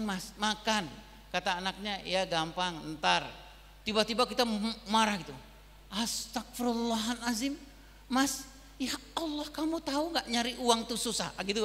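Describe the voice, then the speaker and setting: Middle-aged male seminar speaker, high and bright, storytelling, reverberant hall. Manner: addresses the audience as fathers and mothers again and again; storytelling, acts out dialogue in his own voice. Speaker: parenting speaker. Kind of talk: parenting seminar talk. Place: school hall.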